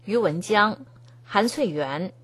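A woman reading scripted news narration in an even, formal tone. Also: mid-range voice, slow, slightly rough. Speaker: news reader.

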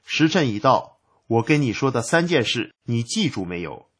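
A man's voice: medium pitch, big pitch swings, moderate pace, a bit bright, slightly rough. A man voicing the commanding male king of the underworld, giving brief orders. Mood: urgent.

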